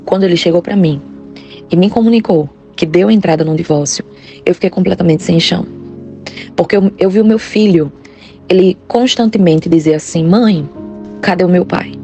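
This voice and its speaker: A woman's voice: lowish voice, normal speed, dark tone, highs cut off, soft background music. A woman narrating a first-person testimony in an earnest, grave, confessional manner.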